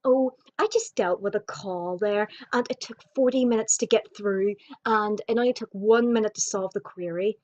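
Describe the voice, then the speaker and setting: A woman mimicking a fast-talking, indignant female customer who complains about bank service. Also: mid-range voice, a little mellow, natural voice. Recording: dull lo-fi home video audio.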